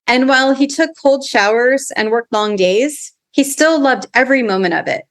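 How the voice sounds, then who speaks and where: A woman hosting a podcast, reading a prepared introduction and then chatting in a bright, upbeat way. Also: high-pitched, normal speed. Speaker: podcast host. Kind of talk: scripted intro, then casual interview.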